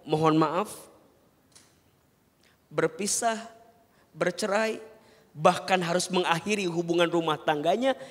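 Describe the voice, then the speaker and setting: A man preaching a televised sermon, earnestly advising and keeping the audience engaged with rhetorical questions. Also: fairly high pitch. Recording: long hall reverb.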